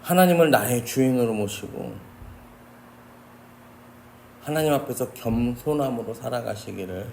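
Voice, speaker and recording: A man's voice: medium pitch, moderate pace, gravelly, pauses often, a little mellow, slight background noise. A man preaching a sermon as pastor, earnest and often addressing the congregation directly. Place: church sanctuary.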